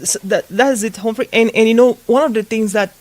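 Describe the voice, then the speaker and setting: A podcast host with an African accent conducts a conversational interview in a high, fairly quick voice, speaking earnestly and repeating phrases for emphasis.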